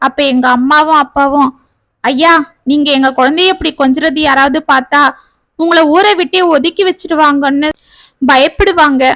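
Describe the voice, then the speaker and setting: A woman's voice: sits high, moderate pace, fairly bright tone, no room sound. A woman voicing a pleading young woman. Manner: pleading, confessional. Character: gentle young woman, tearful and remorseful.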